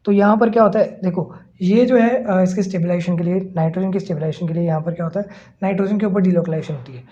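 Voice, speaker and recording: A man's voice: sits high, quick pace, warm tone. Male chemistry teacher, lecture style, step-by-step explaining, frequent check-ins, slightly dull lo-fi sound. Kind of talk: classroom lecture. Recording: slightly muffled lo-fi recording.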